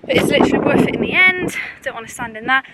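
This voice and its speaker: A young woman with a high, expressive voice and quick pace vlogs on a windy mountain trail, chatty, rambling, and a bit out of breath as she hikes. She says "literally" a lot, and loud wind noise hits the mic.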